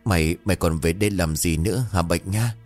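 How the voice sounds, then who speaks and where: Brief: a man playing a brooding old villager, hoarse and quiet, very deep voice. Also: expressive, fast, soft background music. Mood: gentle reproach. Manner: low, hoarse, weary. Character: troubled older village husband, quiet and brooding.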